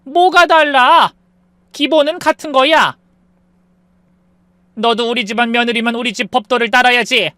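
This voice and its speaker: A woman's voice: a little high, unhurried, long pauses, bright, forceful tone, dry recording, voice pushed up. A woman voicing a domineering older mother-in-law who talks with scorn and scolds. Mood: scornful. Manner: scolding, contemptuous.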